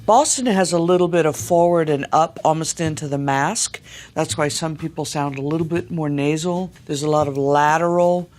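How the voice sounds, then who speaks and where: Dialect coach, clearly articulated instruction. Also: medium pitch, darkish tone. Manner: articulate, demonstrates vowels slowly and stretched. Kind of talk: instructional coaching with demonstrated sounds.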